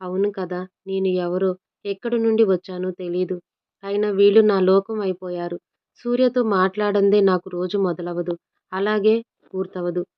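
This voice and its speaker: A woman voicing a calm, composed young woman who speaks in an unhurried, even way, on a dull lo-fi recording. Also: medium pitch, clear, resonant tone, close to an everyday voice.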